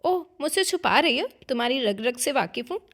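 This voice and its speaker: Feisty student girl, read by a woman narrator, quick to flare, high and forceful. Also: lively intonation. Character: feisty young university girl, hot-tempered.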